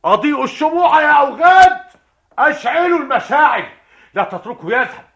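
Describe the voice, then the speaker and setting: A man acting a fussy, panicky judge in a stage comedy, shrill and fretful. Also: animated, moderate pace, pushed and bright, dull audio. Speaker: stage actor.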